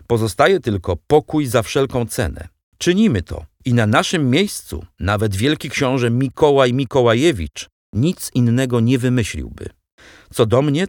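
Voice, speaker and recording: A man's voice: medium pitch, no echo, clean studio sound, pitched above the performer's own voice, lightly acted. A man reading as a sly, mocking revolutionary leader. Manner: mild, ironic and condescending. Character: shrewd, mocking male revolutionary leader, middle-aged.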